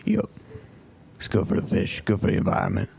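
A man putting on a terse, deadpan Cajun fisherman with a low, half-whispered drawl. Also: fairly quick, slight background noise, close to an everyday voice. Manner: short clipped deadpan answers.

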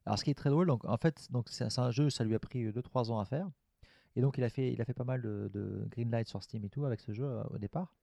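Guy rambling on explaining stuff, warm mellow voice, dry mic. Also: mid-range voice, fast talker, vocal fry, dry recording. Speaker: podcast panelist. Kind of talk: casual group chat.

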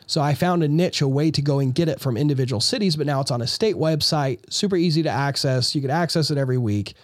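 Energetic man with a fairly high voice. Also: no echo, clean studio sound. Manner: energetic, quick to restart phrases. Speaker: real estate investor guest. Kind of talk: casual interview storytelling.

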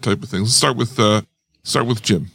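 A man's voice: lowish voice, normal speed, creaky, fairly bright tone, dry recording. A man hosting a podcast in casual chat, easygoing and leading the talk. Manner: easygoing, laughing, leads the talk. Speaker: podcast host.

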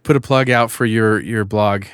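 A man hosting a podcast, reading a scripted introduction and then asking questions in an earnest, measured way with small restarts. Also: on the low side, fairly even intonation, smooth, no echo, studio quality. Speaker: podcast host.

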